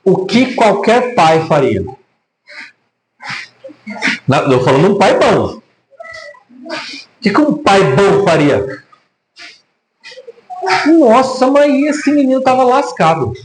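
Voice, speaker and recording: A man's voice: high-pitched, very animated, slow, long pauses, noisy background. A man with a Brazilian Portuguese accent preaching a sermon, telling a story animatedly with many rhetorical questions, in a church hall. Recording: echoey room.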